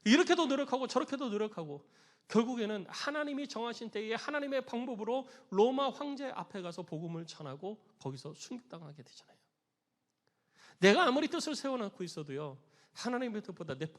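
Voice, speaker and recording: A male pastor delivers a sermon with a strikingly high voice. He preaches emphatically and tells a parable, acting out the quoted voices. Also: lively intonation, brisk, long reverb tail. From Korea. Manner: emphatic preaching, acts out quoted voices with raised pitch and volume.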